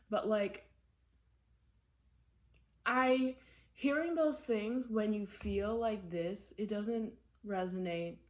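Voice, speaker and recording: A woman's voice: fairly low pitch, a little mellow. A woman talking casually in a personal vlog, candid and rambling, often repeating herself for emphasis. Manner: candid, rambling, with frequent repetition. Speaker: vlogger.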